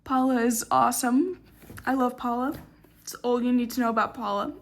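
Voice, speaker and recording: Late at night in a dim room, a young woman in her late teens gives a casual tour of her sketchbook. Her voice is fairly high, steady and at normal speed, and she sounds tired, rambling along with joking, sarcastic asides and some swearing.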